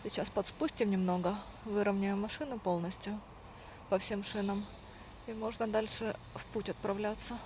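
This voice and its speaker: A young Russian-speaking vlogger living in Spain chats with her viewers, telling everyday stories and acting out the dialogue she quotes. Her mid-range voice is steady at normal speed, against a noisy background.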